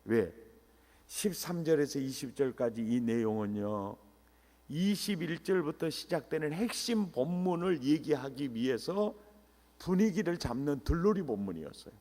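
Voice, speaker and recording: Brief: middle-aged male revival preacher, animated with sudden shouts, long church reverb. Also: a little high, moderate pace. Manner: animated, swings to shouts, quizzes the congregation. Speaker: pastor, revival meeting speaker. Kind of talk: revival sermon. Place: church sanctuary. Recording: echoey church hall.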